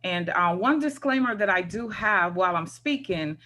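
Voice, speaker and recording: A woman's voice: fairly low pitch, animated, normal speed, pushed and bright, a little hiss or hum. A woman from Jamaica with a Jamaican accent, a retired first sergeant giving conversational remarks on a video call, often filling with "you know" and "um". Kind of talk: virtual conference remarks.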